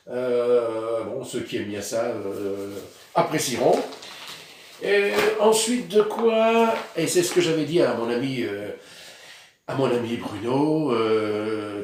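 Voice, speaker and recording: Out in the sun, a man casually shows off his vinyl records in a vlog, rambling with many hesitations. His voice is mid-range with a darkish tone, and the sound is very echoey.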